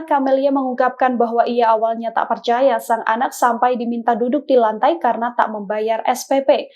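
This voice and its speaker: A woman narrating a scripted news report in a measured, formal way. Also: on the high side, a little mellow.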